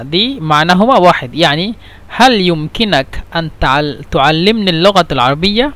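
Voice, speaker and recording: A man's voice: high voice, a bit bright. A man teaching a language lesson, saying each phrase several times and glossing it in other languages. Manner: repeats each phrase slowly, switching between dialect, standard Arabic and English. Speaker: Arabic teacher.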